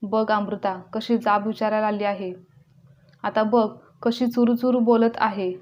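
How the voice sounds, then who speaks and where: A woman's voice: medium pitch, flat delivery, unhurried, a little mellow, close to an everyday voice. A woman voicing an elderly, self-pitying mother-in-law who complains tearfully. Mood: accusing. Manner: whiny, accusing. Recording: dull lo-fi recording.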